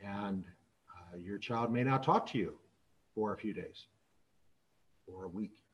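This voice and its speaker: A middle-aged man, a physician, telling stories in a public talk in an earnest, measured way. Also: fairly low pitch, rough recording. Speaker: physician and speaker.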